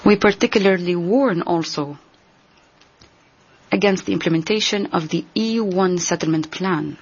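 Woman interpreter, translation voice-over, low husky voice, dull lo-fi broadcast sound. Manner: measured, formal, deliberate delivery. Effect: translation voice-over of a speech. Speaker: simultaneous interpreter. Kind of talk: formal speech interpretation.

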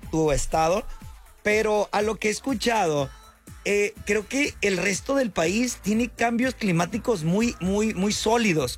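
A high-voiced man hosts an evening radio show, loose and slangy. Faint music plays beneath his voice. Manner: chatty, slangy, laid-back. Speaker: radio host. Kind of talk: casual radio chat. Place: radio studio.

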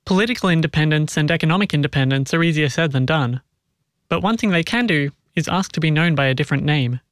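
A man interviewing a guest on radio, asking questions and reading scripted narration in a measured, clear way. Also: fairly high pitch, lively intonation, a bit bright, no room sound, studio quality.

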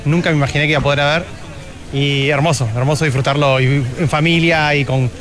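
Man from argentina, street interview, fast, fairly high voice, hesitant. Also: fairly even intonation, fairly bright tone.

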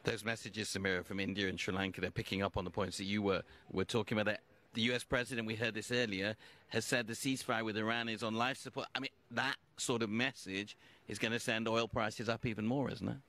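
Man, news presenter, low voice, measured, conversational. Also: steady tone, bright, forceful tone.

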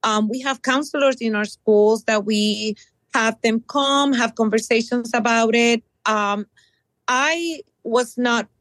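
A middle-aged bilingual middle school teacher from Puerto Rico answers interview questions earnestly, pausing often and saying um a lot. Her voice is on the high side and a bit bright, in a dry recording.

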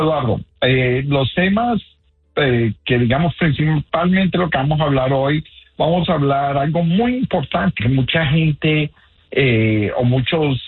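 A man's voice: medium pitch, slightly rough. A man from Colombia, a real estate agent, explaining earnestly on a radio call-in show with many fillers. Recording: tinny phone line.

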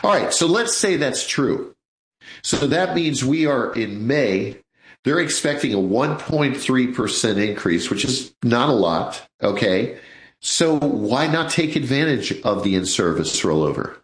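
A man's voice: medium pitch, sing-song, a little slow, roomy sound, poor audio. A man in his sixties hosting a live financial radio show, chatting in a folksy way and calling his listeners folks. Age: 60s.

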